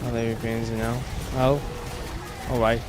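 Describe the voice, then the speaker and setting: A man with a slight British-sounding accent, chatting casually with viewers while streaming a game, talking haltingly with many restarts. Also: medium pitch, level tone, music in the background. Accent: slight British-sounding English, learned at school. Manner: halting, with frequent restarts and fillers. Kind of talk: casual chat while gaming live.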